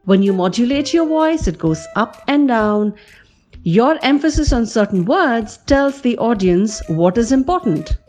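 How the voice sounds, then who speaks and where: Woman coach, measured scripted talk, soft music behind. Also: fairly high pitch, animated. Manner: clear, deliberate emphasis. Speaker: communication trainer.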